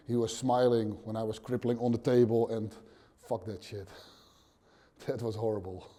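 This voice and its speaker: In a dimly lit gym, a blunt Dutchman in his thirties, who owns the place, gives casual interview answers as a guest. He talks plainly in short, halting bursts and swears casually, his low-ish voice warm but flatly delivered.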